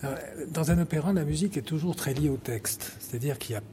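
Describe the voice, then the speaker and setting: A middle-aged man, a conductor and composer, giving clear explanatory answers in an interview. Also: on the high side, fast, background noise. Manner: articulate, explanatory.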